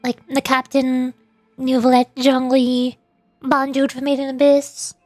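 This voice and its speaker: Commenting on a game as a VTuber, a young high-voiced woman rambles playfully and teases, yet speaks with a completely flat delivery at a measured pace. Music plays beneath a close, dry sound without echo.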